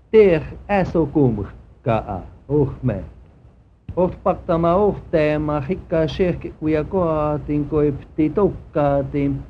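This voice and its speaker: A man reading a scripture passage aloud in a steady, measured cadence. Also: a little high, highs cut off, slight background noise. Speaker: scripture reader.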